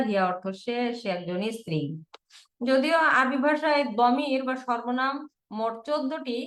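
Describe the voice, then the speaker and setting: A woman with a fairly high voice teaches an online Quranic Arabic lesson. She drills short words over and over and slows down to recite the Arabic. The sound is roomy and echoey. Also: a bit bright.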